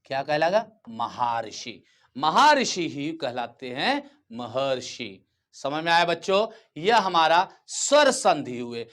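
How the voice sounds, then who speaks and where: Male teacher, slightly high, very animated pitch, deliberate pace, drawn-out examples, constant comprehension checks. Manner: repeats words slowly and checks understanding. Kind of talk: classroom grammar lesson.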